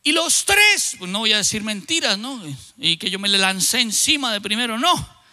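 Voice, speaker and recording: Brief: male pastor from Colombia, high bright voice, vivid story sermon. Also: expressive, long reverb tail. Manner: vivid storyteller, halting restarts, sudden loud bursts.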